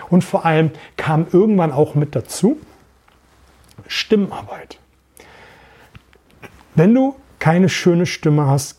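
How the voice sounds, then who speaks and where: Warm husky man, energetic podcast talk. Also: a little high. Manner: energetic, repeats phrases, demonstrates voice techniques. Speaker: podcast host and sales trainer. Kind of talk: casual podcast monologue.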